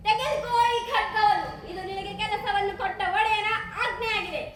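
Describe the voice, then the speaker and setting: A woman's voice: very high voice, fairly even intonation, moderate pace, very echoey, far from the mic, a crowd in the background. Girl voicing a harsh commanding master. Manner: commanding, barking. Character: harsh male master giving orders.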